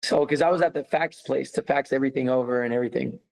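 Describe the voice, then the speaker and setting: This fast-talking young man from the United States, once a footballer, recounts his story in a relaxed interview packed with fillers; he is animated and quick to laugh. His mid-range voice is creaky, and the recording quality is low.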